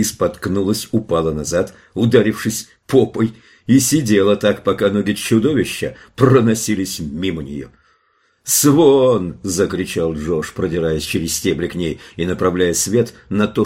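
A man reading a novel aloud as an audiobook narrator, telling a tense scene in a steady voice. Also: deep voice, breathy edge. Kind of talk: scripted narration.

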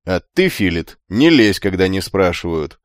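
A man voicing a grumpy, gruff older gate-guard chief with a nasal, scolding manner in an audiobook. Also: low voice, expressive, unhurried, dry recording, clean studio sound.

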